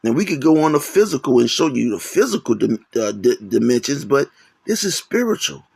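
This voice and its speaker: A man's voice: mid-range voice, very animated, brisk, vocal fry, a little mellow, husky, no echo. A man hosting a religious commentary on videos, rambling and often checking in with "man" and "okay?". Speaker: channel host.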